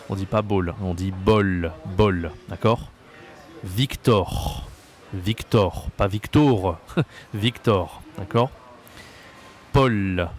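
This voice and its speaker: A man teaching French pronunciation, slowly repeating each example word with patient explanations. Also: on the low side, darkish tone.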